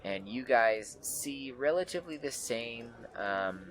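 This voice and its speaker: Relaxed male game master, loose narration with lots of ums. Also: medium pitch, measured pace. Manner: relaxed, filler-heavy.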